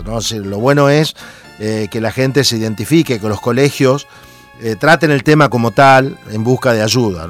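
A man from Argentina with an Argentine accent, hosting a radio talk show and speaking hesitantly with many fillers. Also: medium pitch. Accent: Argentine Spanish.

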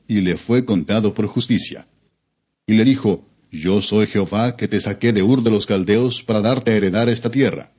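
A man reading scripture as an audiobook narrator in a solemn, measured, formal manner. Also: fairly low pitch, dark tone. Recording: dull, lo-fi audio.

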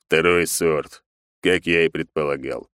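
A cold, contemptuous emperor who speaks slowly and growls his scorn, as a male narrator voices him. He is read from a storybook in a dry, close recording. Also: very deep voice, fairly even intonation, fairly bright tone, clean tone, no room sound.

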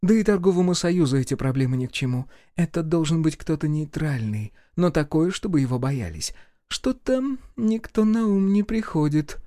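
A man's voice: on the high side, expressive, normal speed, mellow, no echo, studio quality, voice pushed up, lightly acted. A man voicing a hot-tempered young woman fighter, snapping and scornful, in an audiobook. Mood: probing. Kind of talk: audiobook character voice.

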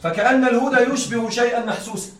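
This rhetoric lecturer has a very high, fairly bright voice with fairly even intonation, and he talks fast. He keeps checking that the class is following him. Recorded from a distance in an echoey classroom, the audio carries a faint hiss.

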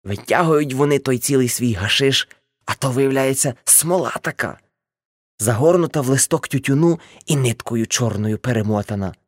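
A woman's voice: very deep voice, normal speed, no echo, clean studio sound. A woman voicing an older man, a boastful ex-hippie uncle, telling rambling brash stories in an audiobook.

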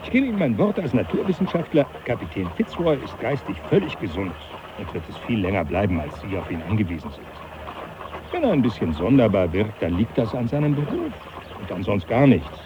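A jovial teasing professor. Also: male voice, fairly low pitch, sing-song, fairly quick, dull audio. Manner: jovial, teasing, laughs often. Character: jovial older male professor, mocking. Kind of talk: 1980s radio play acting.

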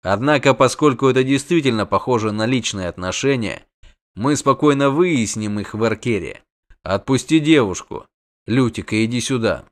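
A man reading the part of a male monster hunter who gives calm, flat commands. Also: mid-range voice, slow pace, few pauses.

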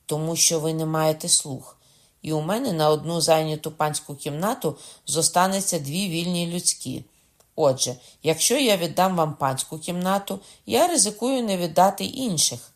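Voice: mid-range voice, moderate pace, voice pushed up, natural voice. Brief: reader doing a cool, scoffing innkeeper who does not back down. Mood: calm mocking. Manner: unruffled and sarcastic. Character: calm mocking middle-aged innkeeper. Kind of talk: audiobook character voice.

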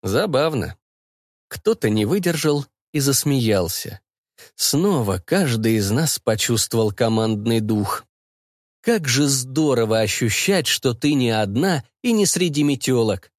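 A man narrating an audiobook in a playful, expressive storytelling manner. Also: mid-range voice, a little slow, dry recording, studio quality.

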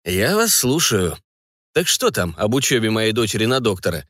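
A man's voice: fairly low pitch, sing-song, fairly bright tone, no echo. A man playing a stern middle-aged colonel. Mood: ironic. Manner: stern, measured, dry irony.

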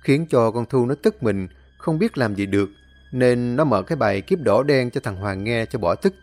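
A man's voice: mid-range voice, lively intonation, normal speed, a little mellow. A man narrating a dramatic story expressively, acting out the scenes.

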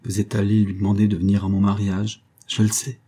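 Tense young bride-to-be, read by a male narrator, hushed, dark husky tone. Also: on the low side, monotone, fairly quick. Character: agitated young bride-to-be, speaking low.

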